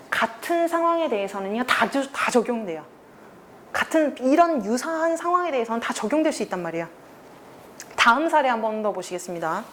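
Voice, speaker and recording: Brisk, lively woman teacher with a slightly high voice, acting out story lines for a class of teens. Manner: animated, acts out characters' lines, asks students questions. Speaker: reading club teacher. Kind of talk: lecture with acted quotes.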